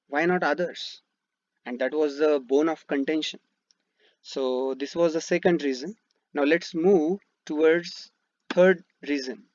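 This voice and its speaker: A man with an Indian English accent and Marathi as his first language, teaching a history lesson over slides, with rhetorical questions and frequent fillers. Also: a little high. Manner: explains step by step, asks rhetorical questions, frequent fillers and restarts. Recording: dull dry lo-fi voice-over.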